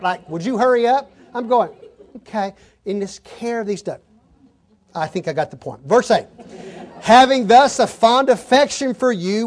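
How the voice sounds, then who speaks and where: A man's voice: high voice, a little mellow. A man preaching an expository sermon, reading scripture aloud and then explaining it with folksy stories and asides.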